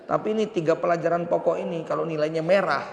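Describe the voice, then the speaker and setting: A man's voice: on the high side, steady tone, fast talker, vocal fry. A middle-aged man giving a humorous mosque lecture, acting out little exchanges between husband and wife. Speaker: preacher. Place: mosque hall. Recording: echoey reverberant mosque hall.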